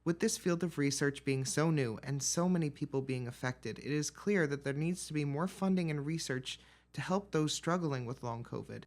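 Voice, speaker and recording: A man's voice: fairly high pitch, moderate pace, darkish tone. A male news reporter reading a scripted report narration.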